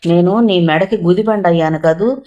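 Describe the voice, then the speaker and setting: Storybook heroine: a woman voicing a hurt, sharp-tongued young wife, lowish voice. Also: moderate pace, dull audio, close to an everyday voice. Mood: upset. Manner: tearful, quarrelsome pleading.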